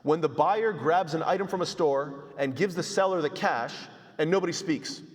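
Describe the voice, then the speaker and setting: In a large mosque hall, a man with a fairly high voice and moderate pace gives a casual class on Islamic law. Using Arabic terms, he chats, jokes on the side, and acts out little dialogues between people.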